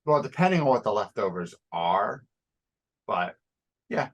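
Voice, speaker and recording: A young man co-hosts a podcast in a fairly low, sing-song voice at a measured pace. The chat is casual, loose and profane, with him laughing, sounding sleepy and yawning now and then.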